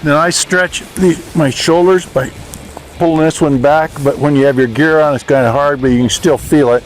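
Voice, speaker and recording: A man with a slightly raised voice coaches riders outdoors. He walks them through each move patiently, in loose, halting phrases. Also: on the high side, steady tone, a little hiss or hum. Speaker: riding coach. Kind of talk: hands-on outdoor instruction. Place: outdoors on a desert training ground.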